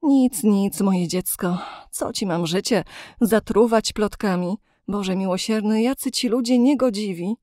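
A woman's voice: medium pitch, measured pace, warm tone, no room sound, clean studio sound, lightly acted. A woman voicing an anxious, pious elderly mother, tearful and pleading in a raised voice. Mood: distressed.

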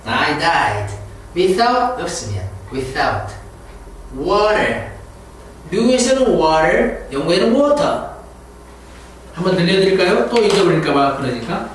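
Man, English teacher, high voice, drawn-out drilled words, faraway mic, very echoey room. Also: very animated, fairly bright tone, far from the mic, a little hiss or hum. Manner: slow, drawn-out English words, quick Korean asides. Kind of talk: vocabulary lesson, call-and-repeat drills. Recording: very echoey room, heard from afar.

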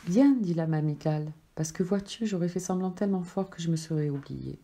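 A woman voicing a gentle, loving soul that speaks softly and patiently. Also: fairly low pitch, brisk. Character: gentle, loving friendly soul, calm and tender.

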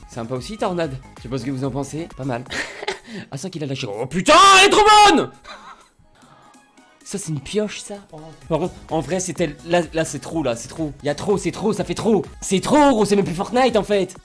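A young man commenting on a video game, excitable and swearing, jumping from quiet mutters to shouts. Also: fairly high pitch, a little fast, soft background music. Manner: swears casually, repeats himself. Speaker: gaming streamer.

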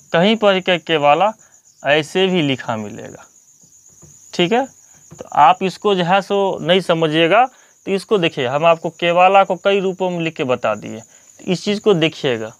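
A man, hosting a slow, patient reading lesson and repeating each point. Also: sits high, a bit bright, clean tone, no room sound. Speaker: teacher and channel host.

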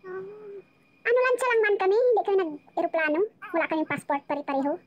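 A woman's voice: very high voice, expressive, quick pace, highs cut off. A woman casually telling her life story on a live chat, rambling and emotional, often restarting her sentences.

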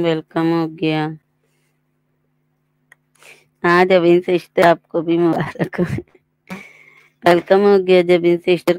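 A woman's voice: on the low side, clear, resonant tone, dry recording, highs cut off. A woman hosting a live stream, greeting viewers by name one after another and reading their chat messages aloud in a casual way.

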